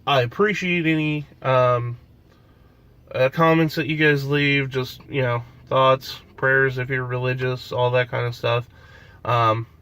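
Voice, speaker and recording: Man, young adult, stuffy nose, casual vlog, rambling, filler words, middle pitch. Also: fairly even intonation, unhurried, sharp tone, clean tone. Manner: rambling, with many fillers and restarts. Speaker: vlogger.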